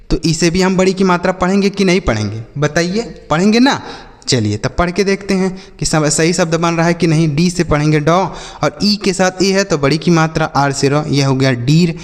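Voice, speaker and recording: A man's voice: sits high, in a large hall. A man teaching English reading, spelling words out letter by letter and quizzing his students. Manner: repeats questions to an imagined class. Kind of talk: spoken classroom lesson.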